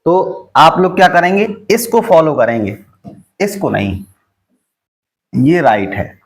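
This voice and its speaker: Guy teaching spoken english, kinda high voice, keeps asking the class stuff and answering it himself. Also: sing-song. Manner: asks the class questions and answers them himself, repetitive drilling; reads English example phrases slowly and deliberately.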